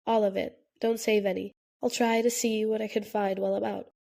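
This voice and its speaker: A woman's voice: medium pitch, little pitch movement, fairly quick, vocal fry, mellow. A woman voicing a stubborn, protective young man in an audiobook, insistent and apologetic. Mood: determined.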